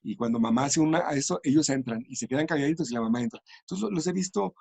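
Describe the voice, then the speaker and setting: In an interview, a man who researches education and language explains ideas about language and communication, thoughtful but full of small restarts. His medium-pitched voice is creaky and racing, with a noisy background behind him.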